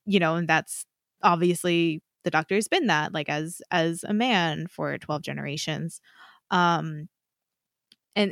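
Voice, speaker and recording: A woman's voice: fairly low pitch, no room sound, clean studio sound. A woman in casual podcast chat, talking thoughtfully with hesitant restarts and fillers.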